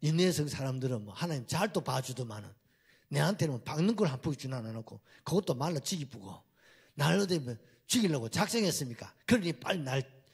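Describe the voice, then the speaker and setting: A man's voice: mid-range voice, expressive, normal speed, creaky, slightly rough, exaggerated voice. A man voicing a sulking, indignant prophet who pleads and protests, with a Gyeongsang accent. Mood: complaining. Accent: Gyeongsang Korean.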